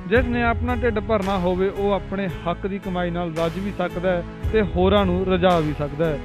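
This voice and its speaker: A male reporter reading a scripted news story in an earnest, measured way. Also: sits high, fairly even intonation, music in the background.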